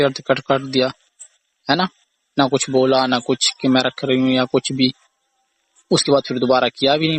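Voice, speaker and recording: A young man with a voice on the high side comes through with a little hiss or hum. He's a boyfriend or husband caught up in a casual phone argument, and the recording catches him repeating his grievances and accusations.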